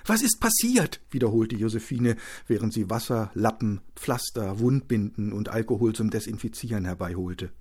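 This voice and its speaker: Husky low-voiced male audiobook narrator. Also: fairly even intonation, normal speed, hardly any pauses, warm tone. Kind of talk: scripted narration.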